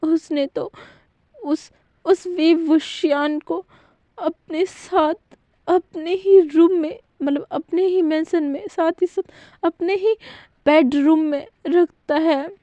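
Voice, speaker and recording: A woman's voice: high-pitched, steady tone, a little slow, warm tone, dry recording, voice pushed up. A woman voicing a young wife who sobs and pleads, complaining that she is mistreated. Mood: tearful complaining. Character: young wife, tearful and self-pitying.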